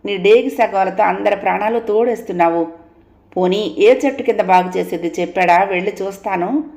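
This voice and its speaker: A woman's voice: mid-range voice, moderate pace, gravelly, lightly acted. Easygoing joking husband, as a woman reads him. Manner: calm, teasing, good-humoured. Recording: roomy echo.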